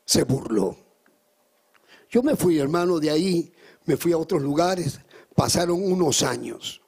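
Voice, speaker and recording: Male pastor, live sermon: gravelly, husky, fervent, swings from loud climaxes to hushed storytelling. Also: lively intonation, a little slow. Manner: fervent preaching that climbs high and loud, then drops into hushed storytelling.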